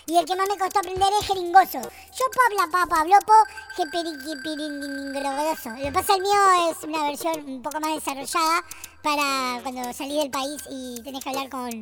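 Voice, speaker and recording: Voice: sits high, fairly even intonation, brisk, bright, forceful tone. A performer voicing a cheeky, nonstop-talking rat character, rambling through silly jokes in a kids' show bit. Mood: playful.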